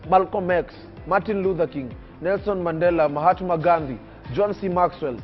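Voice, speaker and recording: This high-voiced nineteen-year-old from Kenya, a young public speaker on a TV interview, delivers his life story with a preacher-like, emphatic, oratorical cadence. His pace is moderate and his storytelling earnest. The audio sounds dull, with soft background music.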